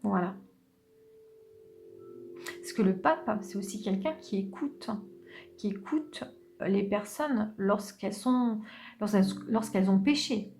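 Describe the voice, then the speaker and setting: Femme lente et douce, tireuse de tarot. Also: female voice, mid-range voice, faint music behind. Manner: slow, gentle, hesitant with many restarts. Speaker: tarot reader. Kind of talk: unscripted tarot reading.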